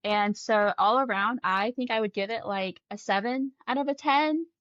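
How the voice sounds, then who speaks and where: A woman's voice: on the high side, moderate pace, a bit bright, dry recording, dull audio. A woman speaking as a guest on a casual podcast chat, earnest and easygoing, with lots of "like" and "you know.".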